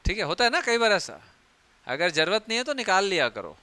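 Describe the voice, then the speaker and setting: Male teacher, high bright voice, crisp, dry sound, jokey lecture. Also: very animated, brisk. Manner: chatty, jokey, acts out everyday scenes. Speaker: biology teacher. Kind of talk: classroom lecture.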